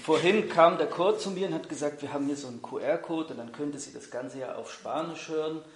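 A brisk, high-leaning male voice, with background noise, gives church announcements and interprets a guest's words on the spot. He's friendly and hesitant, saying um often and switching languages, in a hall with lots of echo.

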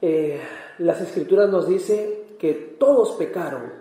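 A missionary man from Peru preaching a sermon in short, measured phrases, pausing after each one. His voice sits a little high and mellow. The church hall around him is roomy and echoing. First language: Spanish. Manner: calm, measured, pausing for translation. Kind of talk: sermon with interpreter.

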